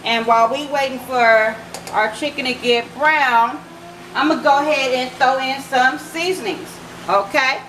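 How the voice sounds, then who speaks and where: A woman's voice: high voice, fairly even intonation, unhurried, a bit bright. A woman hosting a casual cooking vlog from her home kitchen, chatting to her viewers as "y'all" and "baby.". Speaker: cooking channel host. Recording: echoey kitchen with background noise.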